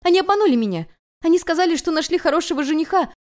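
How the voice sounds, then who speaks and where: A woman voicing a young runaway noble girl in a storybook reading, high and indignant. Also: very animated, a little fast, a little mellow. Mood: sobbing outrage. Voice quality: high, shrill and pleading.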